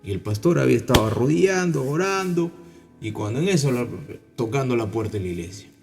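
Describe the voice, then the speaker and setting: A man's voice: medium pitch, a little fast, creaky, over music. A man with a Peruvian accent preaching a sermon, telling stories and acting out the voices of the people in them. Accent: Peruvian Spanish. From Peru. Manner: animated storytelling, acting out voices. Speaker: pastor.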